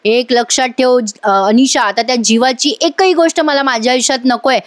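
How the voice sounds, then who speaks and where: A woman voicing an angry, defiant young woman who speaks in sharp, scolding lines. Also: high-pitched, brisk, no echo, studio quality, close to an everyday voice.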